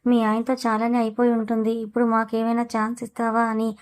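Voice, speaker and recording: A man's voice: very high voice, completely flat delivery, fast talker, smooth. A woman reading a storybook voices a young male college bully who teases in a mocking, leering way.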